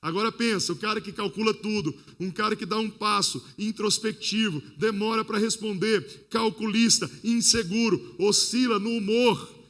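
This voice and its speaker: A Brazilian man preaches to a congregation in a fairly high voice. His sermon is lively, he speaks straight to the listeners, and he acts out the people in his stories. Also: normal speed. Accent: Brazilian Portuguese. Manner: storytelling that acts out the people it quotes. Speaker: pastor.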